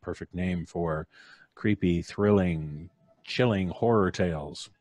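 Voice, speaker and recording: Low, slow and darkish in tone, a man with a North American accent hosts a casual live video stream from home, recorded dry. As host and showrunner of a storytelling podcast, he's jovial and playfully flowery in his introductions.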